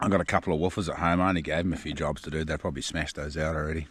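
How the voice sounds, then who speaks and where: Extremely low, husky and fairly bright, the voice of this New Zealand vlogger comes rapid-fire in a level tone. He uses a broad Kiwi accent and loose slang in a laid-back outdoor adventure vlog, recorded outside with plenty of ambient noise.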